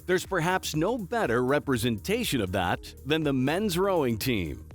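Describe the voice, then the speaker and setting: A man narrates a sports show with a polished, promotional read. His voice sits fairly high and moves a lot, with faint music beneath. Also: sing-song, normal speed. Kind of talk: scripted narration.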